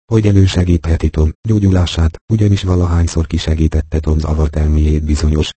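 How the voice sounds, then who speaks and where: Very deep, husky male audiobook narrator. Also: dark tone, dry recording. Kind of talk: scripted narration of a classic novel.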